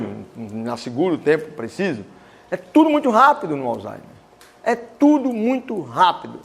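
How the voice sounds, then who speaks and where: Guy giving a talk, high voice, pitch all over the place. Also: vocal fry. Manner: animated storytelling with voiced quotes. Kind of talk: lecture to students.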